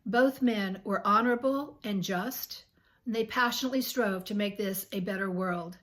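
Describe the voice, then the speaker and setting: A woman in her sixties who runs her own channel reads her reflections to the camera, her mid-range voice scratchy and slightly worn from illness. She speaks slowly and earnestly in a soft tone, stopping occasionally to clear her throat.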